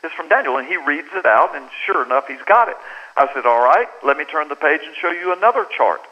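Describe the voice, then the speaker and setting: Speaking fairly quickly in a fairly high-pitched voice, an American man who wrote a book recounts a story as a radio guest. The phone line is lo-fi, and he performs each character's dialogue with lively energy.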